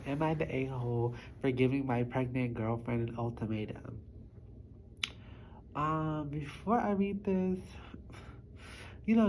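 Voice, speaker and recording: A woman's voice: a bass voice, dark tone, a little hiss or hum, rough recording. A young woman vlogger chatting informally to her viewers in a small study room, with loose articulation. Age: young adult. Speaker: YouTube vlogger. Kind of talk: casual chat to viewers.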